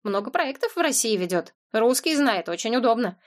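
Pushy woman friend, read by a woman, sarcastic, rapid-fire, fairly high pitch. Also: sing-song. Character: brash, pushy woman friend, quick talker.

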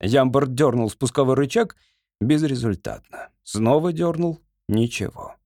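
A man's voice: medium pitch, measured pace, darkish tone, no room sound. Man narrating an audiobook, dry close sound. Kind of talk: scripted narration.

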